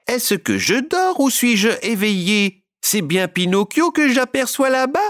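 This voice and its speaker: Squealing, shouting wooden puppet. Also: male voice, extremely high pitch, big pitch swings, voice pushed up, heavily acted. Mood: astonished. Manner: exclaiming, drawn-out shouts. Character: excited male wooden puppet, boisterous.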